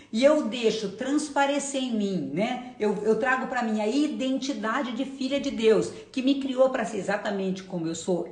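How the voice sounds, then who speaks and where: A woman's voice: fairly high pitch, roomy sound. A woman with a Brazilian accent giving an informal, effusive faith testimony on a live stream, often repeating short phrases. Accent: Brazilian Portuguese. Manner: informal and effusive, calls the audience "gente". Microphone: live-stream setup, camera or phone.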